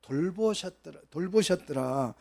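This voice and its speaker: A man preaching a Bible exposition sermon, questioning the congregation and swinging between soft asides and loud, emphatic peaks. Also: a little high, expressive, measured pace, creaky. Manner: asks the congregation questions and acts out quoted voices.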